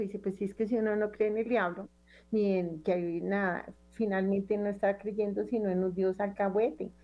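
Earnest woman preaching, warm muffled sound. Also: mid-range voice. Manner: earnest storytelling that acts out quoted speech. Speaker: lay preacher. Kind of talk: preaching with a personal testimony.

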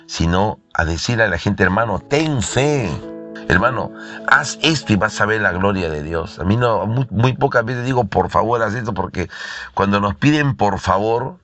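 Gravelly low-voiced man preaching fervently. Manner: fervent, emphatic preaching with sudden raised shouts. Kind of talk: sermon.

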